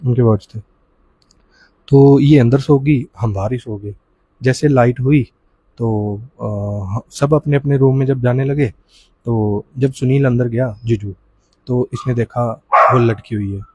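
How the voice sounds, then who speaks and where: A man giving an emotional first-hand account as an interviewee, speaking haltingly with restarts and often saying sir. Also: mid-range voice, dark tone, slightly rough. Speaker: relative of the deceased, interviewee.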